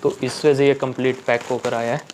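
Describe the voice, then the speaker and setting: A man's voice: medium pitch, level tone, fairly quick, heavy background noise. A young man chatting casually in a home unboxing vlog, often checking in with "okay" as he goes. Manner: chatty, keeps saying "theek hai". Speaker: vlogger.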